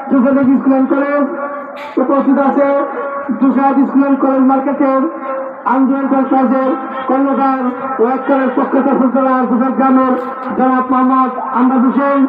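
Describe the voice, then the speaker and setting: A man with a Bangladeshi accent commentating on live football and announcing guests over a loudspeaker at an outdoor ground. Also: very high-pitched. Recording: tinny echoing loudspeaker, crowd noise.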